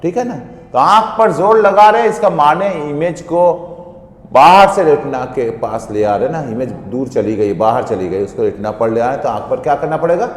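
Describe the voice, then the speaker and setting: A man's voice: medium pitch, lively intonation, normal speed. A male teacher giving a physics lesson in a classroom, explaining step by step and often asking students questions. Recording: echoey room, long reverb.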